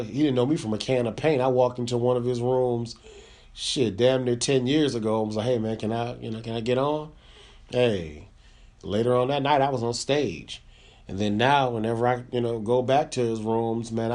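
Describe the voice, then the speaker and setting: A man's voice: mid-range voice, a little mellow. A man hosting a casual comedy podcast, talking in a laid-back, slangy way with plenty of fillers. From Midwest US (born Chicago, raised Michigan).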